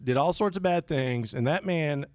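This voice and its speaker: A man who is a pastor, hosting a casual podcast chat with his wife, earnest and joking, slowing down for emphasis. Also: on the high side, no room sound, studio quality.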